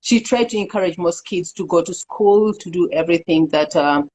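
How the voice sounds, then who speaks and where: A middle-aged woman from Uganda, a guest in an interview, speaking earnestly and haltingly with many fillers. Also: lowish voice, a little mellow, rough recording. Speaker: executive director, interview guest. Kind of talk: casual interview talk.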